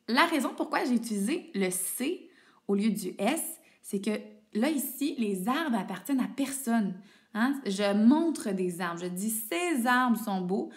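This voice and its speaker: A woman, patiently explaining spelling rules step by step to a student and spelling words out letter by letter. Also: mid-range voice. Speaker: teacher. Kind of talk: explaining French homophones to a student.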